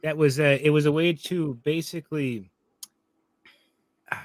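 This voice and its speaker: Halting man with a slightly higher voice. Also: steady tone, slight background noise. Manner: halting, repeats himself, searches for words. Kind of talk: casual chat.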